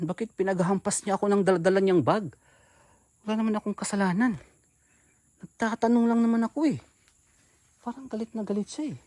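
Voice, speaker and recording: A man's voice: sits high, mellow, no echo. A man doing a ghost-hunting vlog, talking to his viewers and calling out anxiously as he goes. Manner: addresses viewers as idols, calls out anxiously. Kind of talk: handheld horror vlog commentary.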